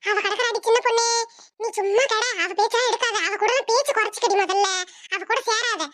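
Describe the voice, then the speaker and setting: Woman doing a shrill scolding mother-in-law. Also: fairly even intonation, brisk, dry recording, studio quality. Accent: Tirunelveli Tamil. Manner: scolding, sharp-tongued. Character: bossy scolding mother-in-law, middle-aged.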